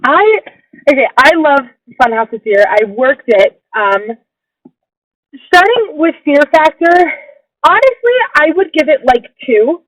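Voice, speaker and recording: A woman's voice: sits high, animated, unhurried, no echo. A woman co-hosting a podcast in casual, informal chat, giving her opinions freely. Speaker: podcast co-host. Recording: dull lo-fi makeshift recording.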